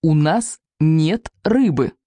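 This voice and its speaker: A flustered young Viking boy, sullen and then pleading, as the reader plays him. His voice stays close to the reader's own, dry and near the mic, and it slows down when he gets firm. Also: medium pitch, steady tone, darkish tone, no room sound, close to an everyday voice.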